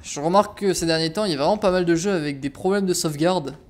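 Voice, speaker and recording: A man's voice: fairly high pitch, fast. Exasperated man doing casual gaming commentary. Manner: exasperated, sweary. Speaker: let's player. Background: game ambience.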